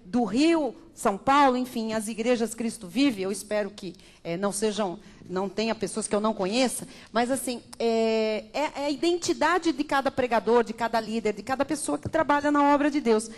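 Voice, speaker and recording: A woman pastor teaching from the pulpit with a bright, high voice. She preaches emphatically and keeps calling her congregation beloved. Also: moderate pace, hardly any pauses. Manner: emphatic, addresses listeners as beloved. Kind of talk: Bible study sermon.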